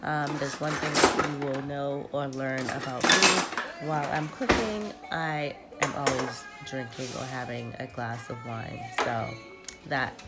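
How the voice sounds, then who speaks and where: A woman's voice: a bass voice, unhurried, loud music behind the voice. A young woman with a cold and a tired voice, casually narrating her cooking with frequent ums. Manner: relaxed, chatty with frequent ums. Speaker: cooking vlogger.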